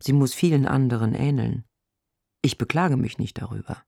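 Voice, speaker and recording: A man reads a first-person story in a wry, deadpan, gently melancholic way. His voice has a gravelly grain. The recording is close and dry, with no room sound. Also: mid-range voice, normal speed, no room sound. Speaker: narrator.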